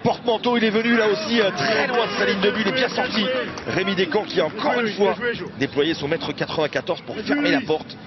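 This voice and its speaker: A man calls a football match in excited sports commentary, his fairly high voice stretching the big words. The sound is dull and lo-fi, with a very loud crowd roaring behind him. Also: fast. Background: loud stadium crowd.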